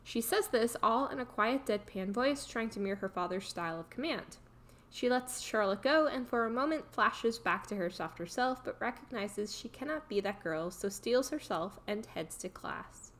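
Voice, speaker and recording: A woman's voice: fairly high pitch, lively intonation, normal speed, fairly bright tone. Giggly woman summarizing a book. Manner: giggly, self-mocking, summarizing chapters. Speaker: podcast co-host. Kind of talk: casual book podcast recap.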